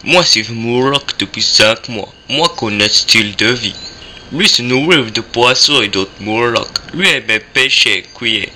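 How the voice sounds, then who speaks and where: A man's voice: medium pitch, unhurried, bright, forceful tone, slight background noise. A man voicing a proud, blunt troll hunter who talks like a caveman in broken, primitive sentences for a comic fantasy radio sketch. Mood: proud, instructive.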